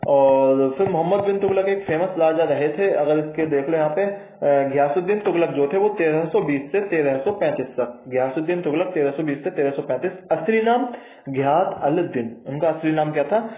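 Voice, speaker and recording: A man's voice: fairly high pitch, moderate pace. A man giving a casual history lecture for exam prep, chatty and repetitive, often checking in with his listeners. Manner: chatty, repeats points and says "ठीक है" often. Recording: tinny, echoey room sound.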